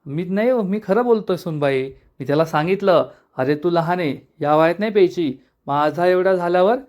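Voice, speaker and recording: A man's voice: high voice, normal speed, a little mellow, natural voice. A man voicing an old father-in-law who jokes and pleads about giving up drink. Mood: joking.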